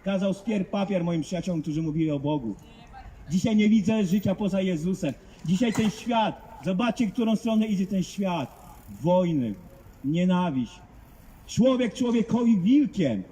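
A street preacher addresses passers-by outdoors on a public street, delivering fervent, emphatic open-air evangelistic preaching and driving his points home with rhetorical questions. His voice sits high with a dark tone and lively intonation at a normal speed. There is slight background noise.

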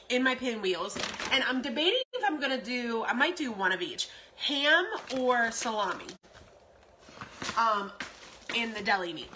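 A woman's voice: on the high side, noisy background. A woman in her forties chatting casually through a grocery haul in her home kitchen, rambling with lots of ums and repeats. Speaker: vlogger. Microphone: phone camera at arm's length.

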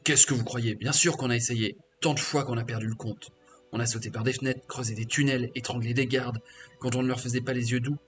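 A man's voice: medium pitch, fairly even intonation, brisk, faint music behind, close to an everyday voice. A man reading a scornful half-orc ex-slave. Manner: crude, scornful, boastful. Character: bitter defiant male half-orc ex-slave warrior mage. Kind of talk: reading game dialogue aloud.

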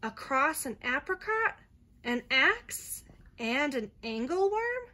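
Woman storyteller, soothing bedtime read-aloud, unhurried and sing-song, light high voice. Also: slight background noise. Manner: gentle, expressive storybook reading. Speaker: storyteller reading to a child.

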